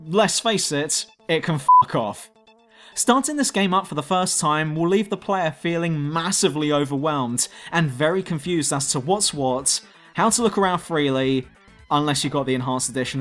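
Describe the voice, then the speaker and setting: A man hosts a scripted game review in a fairly high, lively voice. His delivery is blunt and sardonic, with faint music underneath. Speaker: video game reviewer, countdown host.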